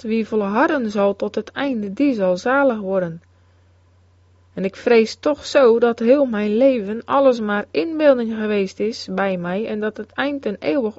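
A woman's voice: on the high side, a little mellow, no room sound, lightly acted. A woman reading the quoted words of an elderly devout mother, voiced plainly and pleadingly. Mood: fearful. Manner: pleading, sorrowful quoted speech. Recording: dull, dry close recording.

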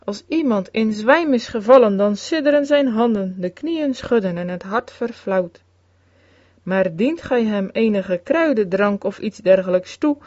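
A woman reading an old-fashioned sermon aloud in a solemn, measured way with archaic phrasing. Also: on the high side, dark tone, no room sound. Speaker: sermon reader. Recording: dull, lo-fi recording, dry.

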